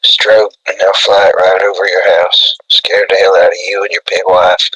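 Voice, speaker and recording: A man playing a paranoid redneck radio host with a folksy drawl, deadpan and repetitive, in a husky voice. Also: low-pitched, moderate pace, heavily acted, poor audio. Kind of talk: improvised comedy radio role-play.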